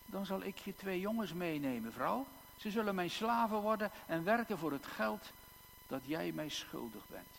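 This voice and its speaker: A man's voice: high voice, animated, normal speed, creaky. A man voicing a harsh, merciless male creditor who makes blunt demands, in an echoey church hall with a faint hum.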